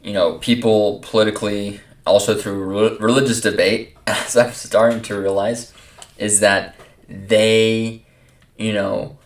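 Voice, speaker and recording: A man's voice: on the low side, level tone, unhurried. A man giving casual reaction commentary in a loose, rambling way, full of fillers and restarts, laughing easily. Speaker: video reactor. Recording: roomy echo, far from mic.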